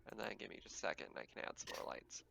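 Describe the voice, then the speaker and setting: Running a tabletop game as game master, a man describes scenes casually and a little hesitantly, piecing them together as he goes. He speaks rapid-fire in a sharp tone, with a little hiss or hum on the audio.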